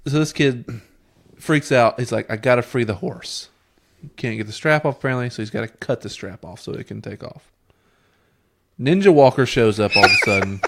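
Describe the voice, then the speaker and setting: A man's voice: medium pitch, animated, a little fast, vocal fry, slight background noise. A man co-hosting a podcast, ranting about a TV episode in casual chat with exasperated sarcasm. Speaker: podcast co-host.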